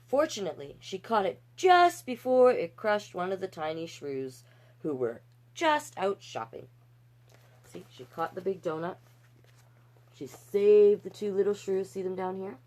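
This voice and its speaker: A woman with a somewhat low voice hosts a livestreamed storytime, reading picture books with animation. She adds chatty, encouraging asides to her viewers.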